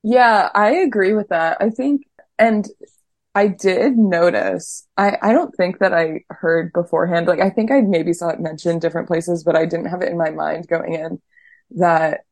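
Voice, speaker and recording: A woman's voice: on the low side, darkish tone, no room sound. A woman guest on a podcast, talking casually and thoughtfully, hesitating often and saying "like" a lot. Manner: thoughtful, hesitant, heavy use of "like". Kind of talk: casual chat.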